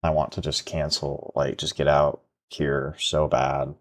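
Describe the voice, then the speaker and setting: A man with a very low voice and a gravelly fry mutters to himself while trading. He sounds tired and frustrated, his voice trailing off as he thinks aloud. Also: flat delivery, unhurried. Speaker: day trader. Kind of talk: live trading commentary.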